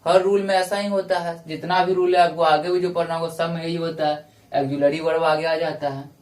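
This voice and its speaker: A man's voice: fairly high pitch, little pitch movement, recorded from a distance. Man teaching grammar in an echoey room. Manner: slow, explains grammar rules step by step, repeats each example. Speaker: English teacher. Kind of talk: classroom lecture.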